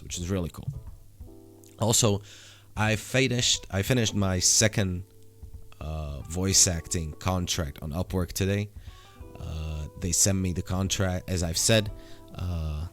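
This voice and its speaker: Young man, sore throat, very low voice, rambling casual vlog, faint music behind. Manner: rambling, many fillers and restarts. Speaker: vlogger. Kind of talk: casual daily vlog update.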